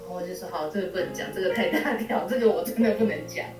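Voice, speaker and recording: A woman's voice: fairly low pitch, racing. Lady host, blunt n jokey, kinda far from the mic, echoey. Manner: blunt, joking, animated storytelling. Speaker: spiritual teacher and podcast host. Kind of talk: casual chat. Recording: roomy echo, distant mic, music under.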